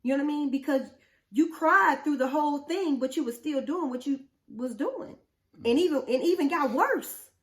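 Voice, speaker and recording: A woman's voice: sits high, lively intonation, normal speed. A woman, talking casually as a show co-host. She speaks bluntly and with animation. She throws rhetorical questions at the listener. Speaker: podcast co-host. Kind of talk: casual chat.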